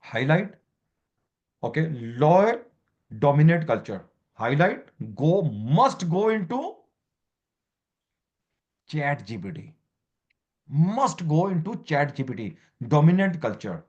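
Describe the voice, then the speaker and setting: A man's voice: on the high side, very animated, slow, pauses often, a little mellow, dull audio. A man lecturing a student as a law exam tutor, repeating key terms and quizzing her, in broken English. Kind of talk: informal lecture.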